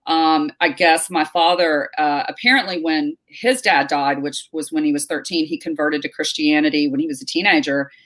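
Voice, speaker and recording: A woman's voice: low-pitched, normal speed, few pauses. A middle-aged woman from North Carolina, a guest telling stories in a casual interview with many fillers. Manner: lively storyteller, many fillers and restarts.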